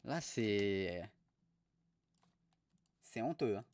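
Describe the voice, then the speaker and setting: A man's voice: fairly low pitch, animated, very slow, a little mellow, dry recording. Crude, mocking young man streamer. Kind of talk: live stream commentary.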